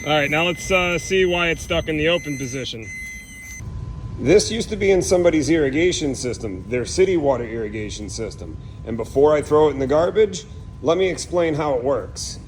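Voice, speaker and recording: A man's voice: on the high side, animated, a little fast, a little hiss or hum. Man explaining sprinkler repair hands-on. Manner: plain, practical, talks through each step. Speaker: irrigation technician. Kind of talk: casual how-to explanation while working. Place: outdoors at a job site.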